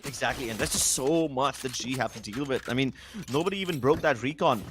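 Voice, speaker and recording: A man's voice: medium pitch, brisk, noisy background. A man esports caster giving live commentary and analysis with a theatrical, emphatic delivery.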